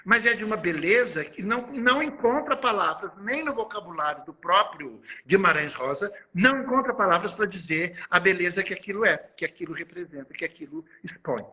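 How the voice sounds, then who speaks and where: A man's voice: high-pitched, animated, a little fast, hardly any pauses, pushed and bright, rough recording. A man with a Brazilian Portuguese accent, a literature professor talking casually and emphatically on a panel, repeating phrases for effect.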